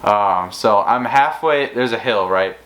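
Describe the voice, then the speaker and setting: Low-voiced man telling a rambling fishing story. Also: measured pace, rough recording. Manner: rambling, animated storyteller with many restarts. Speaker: fishing channel co-host. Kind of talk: casual storytelling chat.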